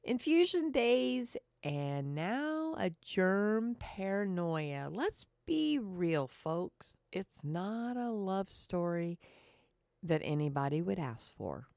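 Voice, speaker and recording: A woman's voice: mid-range voice, very animated, slow, gravelly, darkish tone, dry recording, clean studio sound. A woman hosting a podcast, telling her story in a chatty, sarcastic monologue and calling her listeners folks. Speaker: podcast host. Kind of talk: casual monologue.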